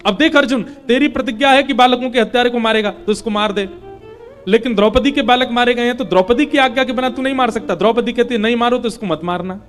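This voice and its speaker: A divine male counselor, voiced by a man retelling scripture, teases his friend and then lays down firm advice. The voice is high and carries well, and it pushes hard on key words. Faint instrumental music plays behind. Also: quick pace. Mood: firm teasing.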